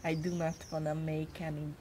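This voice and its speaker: Hungarian is the first language of this woman in her twenties, who has a Hungarian accent and answers interview questions in a soft, hesitant manner full of pauses and fillers. She's low-pitched with a flat delivery, and there's slight background noise.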